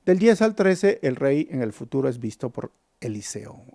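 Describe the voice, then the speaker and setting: Man, pastor, earnest Bible teaching, gravelly, warm dark tone. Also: mid-range voice, sing-song, normal speed. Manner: earnest, storytelling, addresses listeners as brothers.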